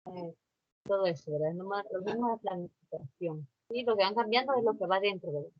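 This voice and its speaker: A woman's voice: medium pitch, fairly quick, no echo. A woman teacher giving an online class, patiently repeating instructions and checking in with her students. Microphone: computer mic for a virtual class. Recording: dry, dull lo-fi sound.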